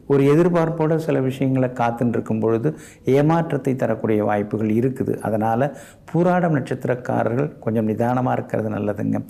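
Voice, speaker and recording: Gravelly, mellow-voiced astrologer man. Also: mid-range voice. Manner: polite and advising, ends sentences with respectful "ங்க". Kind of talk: daily horoscope talk.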